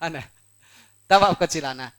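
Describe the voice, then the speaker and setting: A man's voice: fairly high pitch, moderate pace, a bit bright, smooth, faint music behind. A male math teacher giving a board exam lesson, who keeps asking questions and answering them himself, in a coaxing way. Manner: scolds students in the room.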